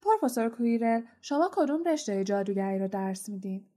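A woman's voice: a little high, expressive, warm tone, natural voice. A woman reading a storybook, voicing a polite, curious young boy.

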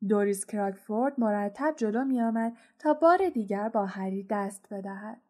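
A woman narrating an audiobook in a steady, measured reading voice. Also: medium pitch. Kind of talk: storybook narration.

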